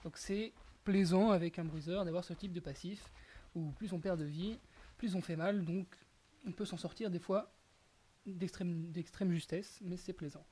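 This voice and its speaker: A commentator walks through a match in casual, explanatory commentary and keeps correcting himself mid-phrase. The pitch sits at a middling level. A steady hiss runs under the whole recording. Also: moderate pace. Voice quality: explanatory, stop-and-start with many fillers and self-corrections. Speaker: gaming commentator.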